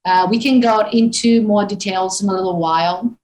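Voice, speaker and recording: A woman in her fifties from northern Italy with an Italian accent, speaking English as a tour guide in an interview, often pausing with fillers. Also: mid-range voice, a little mellow, low-quality recording. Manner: hesitant, many fillers. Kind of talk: interview on a call.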